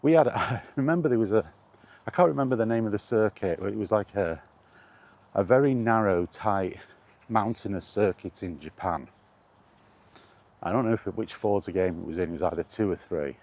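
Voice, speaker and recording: A British man with a lowish, darkish voice speaks at a moderate pace. He rambles casually about gaming in a wry, colloquial style, as if he were a solo vlogger sharing his thoughts.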